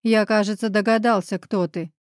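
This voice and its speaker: A woman reading the lines of a protective man who growls at his rival and tenderly comforts the heroine, with a gruff, commanding delivery. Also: mid-range voice, steady tone, moderate pace, no echo, clean studio sound, natural voice. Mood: protective stern.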